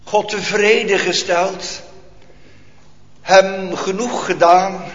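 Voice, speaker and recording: A man preaching a solemn sermon, asking rhetorical questions and leaving long pauses. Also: high voice. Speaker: pastor. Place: church hall. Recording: echoey church hall, dull lo-fi.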